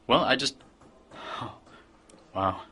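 A man's voice: medium pitch, slow pace, pushed and bright, breathy edge, full character voice. A man playing a nervous ad designer who stammers and restarts when flustered. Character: nervous young male ad designer.

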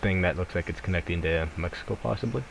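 Deep-voiced young man thinking aloud over voice chat. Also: fast. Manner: hesitant, thinking aloud with fillers. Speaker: multiplayer gamer. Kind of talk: casual game chat. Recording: voice chat with clear background noise.

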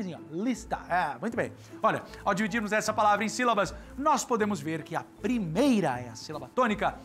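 An actor with a Brazilian Portuguese accent playing a cheerful, theatrical doctor who teaches languages to children on a scripted kids' TV show, drawing out words and calling playfully to the viewers. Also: male voice, high voice. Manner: animated, drawn-out words, playful calls to kids.

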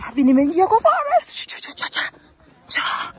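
A woman's voice: very high voice, wildly swooping pitch, moderate pace, rough recording. A young Kenyan woman chatting casually into her phone on a hike, switching between English and Swahili. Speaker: vlogger. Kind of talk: casual hiking vlog. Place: outdoors on a windy mountain trail. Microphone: phone camera held at arm's length. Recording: wind noise on phone mic.

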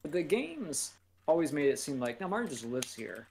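A man co-hosting a casual chat, giving measured opinions and thinking aloud. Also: a little high, big pitch swings, gravelly, a little mellow, slight background noise. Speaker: podcast co-host. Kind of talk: casual chat reacting to a trailer.

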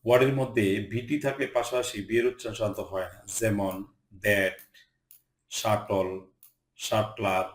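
A man teaching English pronunciation, reading word lists slowly, one word at a time, with short rule explanations. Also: fairly low pitch, little pitch movement. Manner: slow, deliberate word-by-word drilling. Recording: echoey room.

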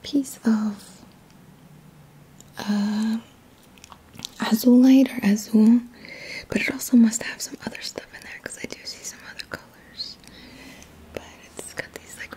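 A woman in her thirties hosts an ASMR guided healing session close to the mic, whispering gently and soothingly in a halting, breathy, mostly unvoiced voice that is a little high with fairly even intonation. She is in a small, quiet indoor room, and the low-quality recording carries faint background noise.

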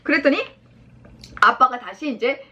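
A woman's voice: normal speed, highs cut off. A woman in her thirties teaching Japanese, explaining a drama scene and acting out its lines in playful voices. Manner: lively, acts out lines in high playful voices. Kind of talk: explaining a drama clip to learners.

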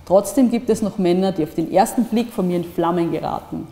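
A woman's voice: on the low side, brisk, dark tone. Woman reading in an echoey hall. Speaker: author reading at a public screening. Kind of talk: literary reading. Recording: echoey hall with long reverb.

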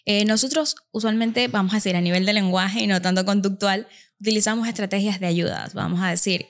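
Woman therapist on a podcast, calm and methodical, medium pitch. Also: a little fast. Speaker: speech therapist guest. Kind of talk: explanatory podcast conversation.

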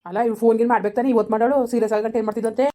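Woman acting as a resentful elder brother, very rapid, dark voice. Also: a little high, steady tone, close to an everyday voice. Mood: scolding. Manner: scolding, blunt. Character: stern, resentful elder brother, grudgingly helpful. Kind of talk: amateur village drama.

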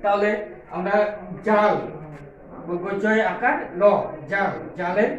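A man's voice: high voice, fairly even intonation, slow, a bit bright, dull audio. A man with a Bengali accent teaching English to small children, spelling words out letter by letter and checking after each one whether they follow. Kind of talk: slow, drilled English lesson for small children. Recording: echoey room, far from the mic, noisy crowd behind.

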